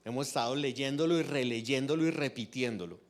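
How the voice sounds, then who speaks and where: A man's voice: medium pitch, a little fast. A man preaching a sermon in a church, teaching through rhetorical questions to the congregation. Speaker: pastor.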